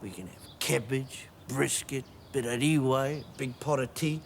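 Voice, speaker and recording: A man's voice: mid-range voice, unhurried, vocal fry, slight background noise. A man with a New Zealand accent delivering a comic monologue as a rambling, chuckling storyteller. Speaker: comedy sketch performer.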